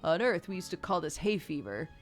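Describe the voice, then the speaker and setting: A woman voicing a gentle, reassuring father in story game dialogue. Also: on the low side, sing-song, fairly quick, faint music behind.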